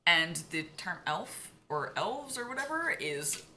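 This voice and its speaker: A woman's voice: fairly low pitch, very animated, a little slow, pushed and bright. A young woman guest in casual chat, laid-back and giggly, swearing now and then.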